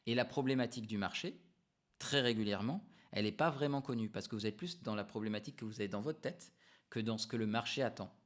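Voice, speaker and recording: A man coaching entrepreneurs to camera in a relaxed, unscripted way, explaining ideas with emphatic repetitions and frequent hesitations. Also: on the low side, fast talker. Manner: frequent hesitations and self-corrections. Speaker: business coach.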